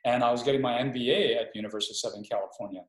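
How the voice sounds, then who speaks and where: A man's voice: medium pitch, very fast. Middle-aged man, army chaplain, hesitant reflective speech, echoey room over a video call. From Hawaii. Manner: reflective, hesitant, restarts often. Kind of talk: conversational webinar interview. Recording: roomy echo.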